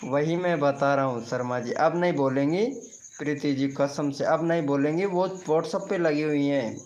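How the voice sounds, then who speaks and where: A man's voice: fairly high pitch, normal speed, darkish tone, dull audio. Chatty man hosting a live stream. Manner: chatty, teasing banter with viewers. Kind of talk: casual live-stream chat.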